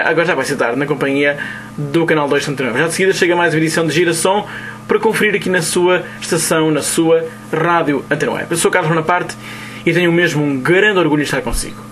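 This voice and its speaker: A man's voice: fairly high pitch, fairly even intonation, fast, a bit bright, a little hiss or hum. A man with a European Portuguese accent, announcing songs as a radio host with an upbeat delivery.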